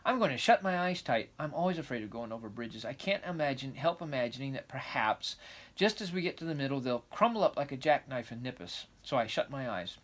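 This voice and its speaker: A man's voice: medium pitch, natural voice. A man voicing an eager, dreamy orphan girl of about eleven in a storybook, chattering breathlessly and gushing. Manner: breathless, gushing, rapid rambling.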